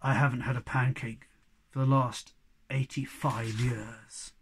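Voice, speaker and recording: A reader voicing a sad, weary old hobgoblin magician in a storybook, speaking low and slow, often in a whisper. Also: level tone, slight background noise, close to an everyday voice. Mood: gloomy. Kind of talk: storybook reading.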